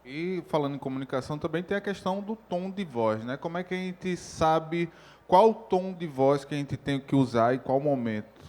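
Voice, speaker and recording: A man's voice: fairly high pitch, moderate pace, a little mellow. A man with a Brazilian Portuguese accent moderating a conference panel and asking questions casually. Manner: casual, asks questions, jokes about his wife. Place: hotel conference stage.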